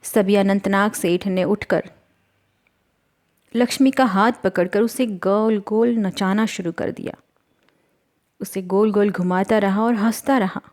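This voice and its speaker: A woman's voice: medium pitch, fairly even intonation, measured pace, long pauses, darkish tone. A woman storyteller narrating a dramatic novel in an earnest voice.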